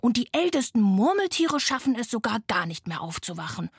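A woman's voice: a little high, very animated, a little fast, no room sound, studio quality, full character voice. A woman doing a grumpy drawling sloth. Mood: easygoing. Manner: gruff, slangy, drawling. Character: grumpy, laid-back lazy sloth.

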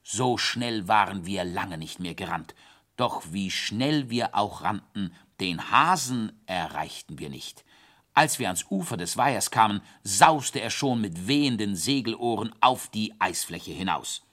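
Male storyteller, children's tale, animated and bright, wide pitch swings. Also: a little slow. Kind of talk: expressive children's story narration.

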